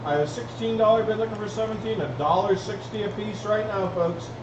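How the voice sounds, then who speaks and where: A man with a high voice calls bids as an auctioneer at a live auction, repeating the numbers in a steady chant-like patter. He sounds some way from the microphone in an echoey room. The recording is dull. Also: brisk. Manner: auctioneer's repetitive bid calling, addressing folks. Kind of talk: live online auction calling. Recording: roomy, distant mic, dull, clearly noisy.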